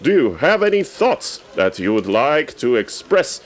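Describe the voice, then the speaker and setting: In a comedy sketch, a man plays an eager radio correspondent on a red carpet, sounding formal, theatrically excited, and earnest. His voice is medium-pitched and his pace measured.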